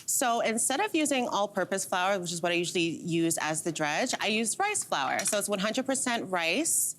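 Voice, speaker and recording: A woman with a Canadian accent, a chef guest on a TV show, explaining recipes in relaxed, chatty talk full of "like" fillers. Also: mid-range voice, moderate pace, a little hiss or hum. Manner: relaxed, chatty, laughs easily, many "like" fillers. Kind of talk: casual cooking demo chat. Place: TV studio.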